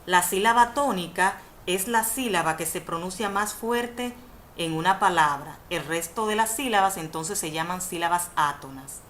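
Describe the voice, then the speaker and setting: Low-voiced woman lecturing on spelling. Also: normal speed, fairly bright tone. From Dominican Republic. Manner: didactic, repeats definitions, self-corrects with "perdón". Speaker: university course facilitator. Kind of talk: webinar lecture on Spanish spelling. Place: indoors, online video conference. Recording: faint background noise, webinar audio.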